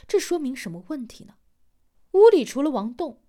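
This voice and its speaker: A woman voicing an excited middle-aged male professor who lays out his reasoning the way a teacher questions a class, in an audiobook. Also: high-pitched, voice pushed up. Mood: excited explaining. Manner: brisk, explaining like a teacher.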